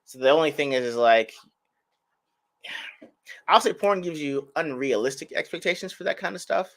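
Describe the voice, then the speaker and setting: A man's voice: a little high, expressive, moderate pace, vocal fry, fairly bright tone. A man in his thirties, a podcast co-host, telling rambling, self-mocking stories in casual chat.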